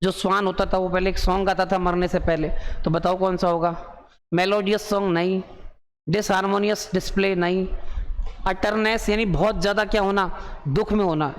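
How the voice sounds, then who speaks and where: A male teacher with an Indian accent, explaining exam idioms in a lesson. He asks the class questions and answers them himself, reading the English phrases slowly and explaining them quickly. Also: sits high, fairly even intonation, long reverb tail.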